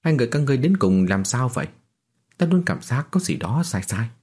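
A man voicing a bold, excitable male martial warrior who speaks bluntly and fires off questions. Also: mid-range voice, a little fast, breathy edge, pitched above the performer's own voice. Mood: suspicious.

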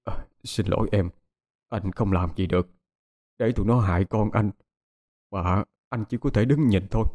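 A man voicing a wealthy man who quietly apologizes in a subdued, helpless tone. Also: fairly low pitch, moderate pace, pauses often, lightly acted. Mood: remorseful.

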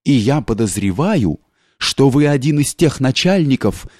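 A man voicing a drunk young journalist who bellows angry accusations in a low, thunderous voice. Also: darkish tone, no echo, clean studio sound. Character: drunk, sullen young male journalist, furious.

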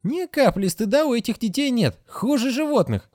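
Guy doing a high shrill cranky nurse lady, fussy and outraged, storybook reading. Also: big pitch swings, normal speed, a little mellow, no room sound, studio quality. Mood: scolding, indignant. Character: stern scolding middle-aged female nurse.

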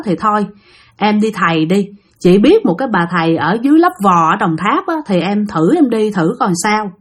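A chatty Southern Vietnamese woman tells a ghost story casually, speaking straight to her listeners. Her voice is medium-pitched and husky.

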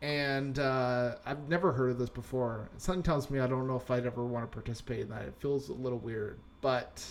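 A man's voice: mid-range voice, steady tone, a little fast. Rambling casual podcast co-host, a man. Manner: rambling, many fillers and restarts. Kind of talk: casual chat.

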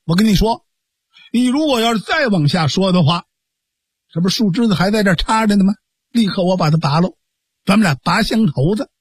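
A man's voice: high voice, lively intonation, husky, no room sound. A man voicing a righteous young man who scolds and coaxes his foolish sworn brother firmly. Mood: stern. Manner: scolding, firm, measured.

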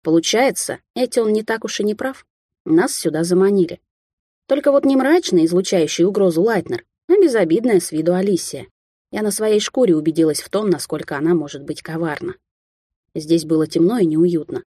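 A woman narrates a first-person tale in an even, measured way. Her voice is lowish, dark and mellow with a husky grain. The recording is close and dry. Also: dry recording. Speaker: audiobook narrator.

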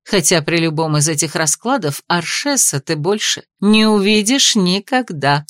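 A woman's voice: on the low side, animated, moderate pace, a bit bright, dry recording, clean studio sound, voice pushed down. A woman voicing an imperious, scornful noblewoman and future mother-in-law in an audiobook. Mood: dismissive.

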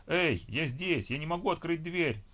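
Man doing a trapped man shouting for help. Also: lowish voice, a little fast, lightly acted. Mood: desperate. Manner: desperate shouting.

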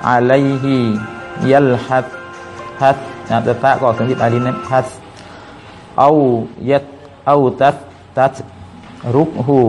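Man teaching recitation, flat delivery. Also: medium pitch. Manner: patient, repeats sounds slowly to demonstrate. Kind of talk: tajweed lesson with slow chanted recitation.

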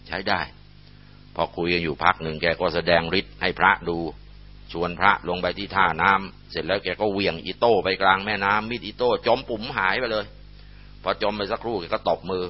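A man telling a temple legend in a relaxed way, with frequent fillers, on a muffled lo-fi recording. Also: sits low, a little fast. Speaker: storyteller. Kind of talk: storytelling narration.

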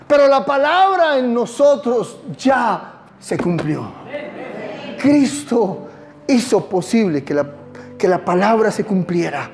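A male pastor preaching a sermon with impassioned call-and-response, swinging from loud declarations to hushed lines. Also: high voice, very animated, slow pace, faint music behind.

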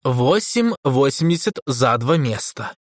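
A man reading an audiobook, voicing a cold, contemptuous male drama critic in a slow, lowered, disdainful voice. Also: very animated, dry recording, studio quality. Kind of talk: audiobook character voice.

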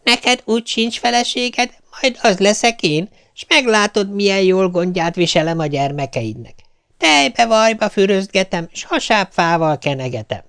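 A scheming old witch from a folk-tale audiobook, put on by a male reader, her voice lifted high and smooth. She coaxes and wheedles, sweet-talking her way into what she wants. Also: expressive, a bit bright. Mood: wheedling. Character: greedy scheming old iron-nosed witch woman.

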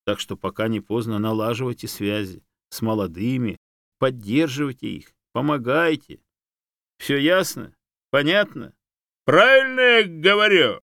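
A man voicing a bossy male bear who rules the forest, speaking loud and domineering in a storybook reading. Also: mid-range voice, normal speed, vocal fry, dry recording, clean studio sound, voice pushed up. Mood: lecturing.

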